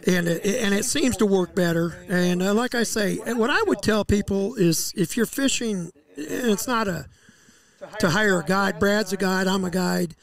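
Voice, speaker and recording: A middle-aged man, a fishing guide, explaining his methods in a relaxed, casual interview outdoors on a headset mic, with fillers and restarts. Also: high voice, normal speed, gravelly. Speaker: walleye fishing guide, podcast guest. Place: outdoor deck by a lake.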